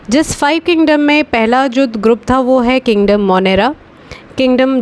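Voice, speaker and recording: Brief: woman, biology teacher, fairly high voice, halting explanations, dictates key terms slowly. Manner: explains step by step, many fillers and restarts, mixes in English terms. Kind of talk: online class lecture.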